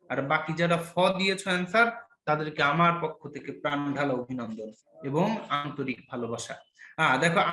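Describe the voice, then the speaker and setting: A man's voice: sits high, sharp tone, reverberant. A young man from Bangladesh, teaching an online class. He quizzes his students and praises their answers with playful teasing.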